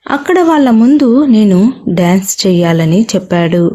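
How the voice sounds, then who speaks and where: A woman voicing a young woman who falters at first and then firmly tells her painful past, in a warm, mellow voice. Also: mid-range voice, lively intonation, brisk, natural voice. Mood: recounting. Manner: faltering, then firm recounting.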